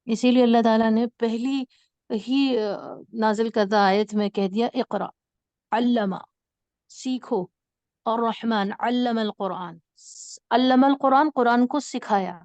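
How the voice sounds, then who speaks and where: High-pitched woman teaching, dry sound. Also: fairly even intonation, darkish tone, no room sound, muffled recording. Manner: explains slowly, repeats words for emphasis. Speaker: Arabic teacher. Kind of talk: online class lecture.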